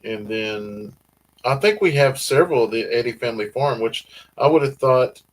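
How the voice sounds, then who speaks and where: A man's voice: medium pitch, moderate pace, slight background noise, low-quality recording. A man with a Southern US accent hosting a casual family-farm livestream, reading viewer comments in a laid-back drawl. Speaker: livestream host.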